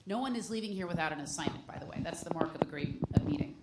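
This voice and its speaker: A woman's voice: fairly low pitch, lively intonation, rapid-fire, heavy background noise. A woman moderating a panel discussion, speaking conversationally with frequent fillers.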